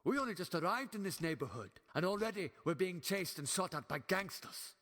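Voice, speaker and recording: An actor playing a wry, authoritative older time-traveling doctor in a fan audio drama, with a theatrical delivery. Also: male voice, high-pitched, sing-song, a little fast, fairly bright tone, long reverb tail, exaggerated voice. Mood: brisk, assertive.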